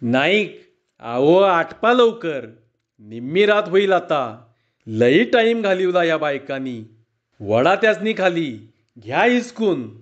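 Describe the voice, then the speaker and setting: An impatient bandit snarls and hurries everyone along, voiced by a male storyteller. The sound is dull and lo-fi, the voice fairly high. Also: big pitch swings, slow. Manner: snapping, shouting. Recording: dull lo-fi recording.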